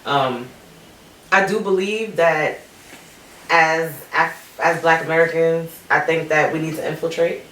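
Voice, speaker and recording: A woman's voice: low voice, a little slow, fairly bright tone. A woman co-hosting a casual podcast chat, blunt and tipsy, laughing and swearing freely. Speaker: podcast co-host. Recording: echoey room, mic far off, faint noise.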